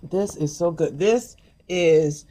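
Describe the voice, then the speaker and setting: A woman's voice: fairly low pitch, takes it slowly, warm tone. Older woman chatting while tasting snacks. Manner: chatty, reads package text aloud. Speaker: host. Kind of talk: casual chat.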